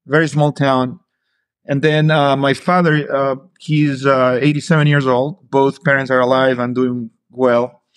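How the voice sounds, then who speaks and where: Unhurried and smooth, this middle-aged man from Argentina speaks with a medium pitch and flat delivery. As a guest in a casual podcast interview, he hesitates a lot, filling his answers with fillers and false starts.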